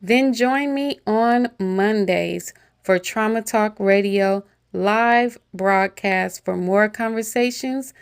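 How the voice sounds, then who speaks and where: A woman host delivering a scripted outro with a measured, deliberate call to action. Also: mid-range voice, creaky, clear, resonant tone. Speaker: show host.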